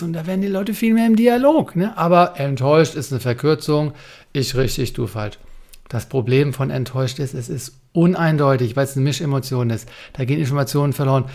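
A man's voice: mid-range voice, a little mellow. A man giving a communication coaching talk, speaking in short punchy phrases, asking rhetorical questions and addressing the listener directly.

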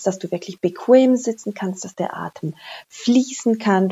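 A woman's voice: medium pitch, mellow, husky, highs cut off. A woman giving informal instruction on a breathing exercise, explaining in a personal way and addressing the listener directly.

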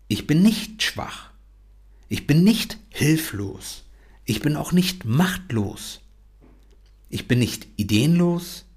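A man's voice: mid-range voice, breathy edge. A man hosting a podcast, giving an earnest motivational monologue and repeating self-affirmations. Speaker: podcast host.

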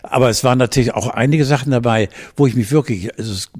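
A man's voice: medium pitch, fast talker, darkish tone, husky. A middle-aged man, co-hosting a casual podcast and telling rambling anecdotes with acted-out voices. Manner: rambling storyteller, acts out quoted voices. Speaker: podcast co-host. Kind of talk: casual chat.

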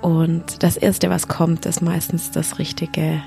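A woman who is a podcast host and yoga teacher, guiding a sleep meditation in a soft, slow voice that often drops to a half-whisper. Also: low-pitched, flat delivery, gravelly, faint music behind.

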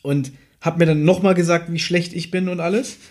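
A man's voice: a little high, steady tone, a little fast, a little mellow. A man co-hosting a casual chat, telling a story and defending himself in an argumentative way. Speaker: podcast co-host.

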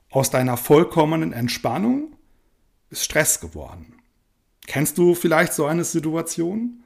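Male podcast coach, slightly higher voice, calm and deliberate, speaks to the listener as du. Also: creaky. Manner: addresses the listener directly and warmly with informal du; calm, deliberate storytelling with slowed phrases. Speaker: life coach and podcast host. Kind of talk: motivational podcast talk with a told parable.

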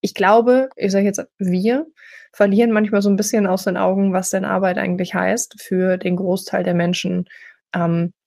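A woman around thirty, a guest on a podcast, speaking bluntly and candidly in relaxed conversation. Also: medium pitch, vocal fry. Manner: outspoken, blunt, quick asides. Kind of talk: casual interview chat.

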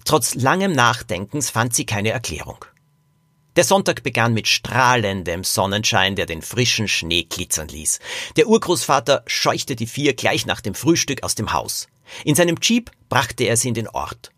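A man reading his own children's story aloud as narrator, expressive and animated. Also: mid-range voice, normal speed, no room sound, studio quality.

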